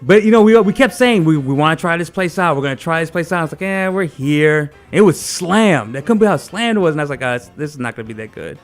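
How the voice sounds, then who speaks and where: Male host, higher voice, from Tennessee, rambling and animated in casual chat. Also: quick pace, few pauses, faint music behind. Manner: rambling, animated, lots of restarts. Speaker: podcast host.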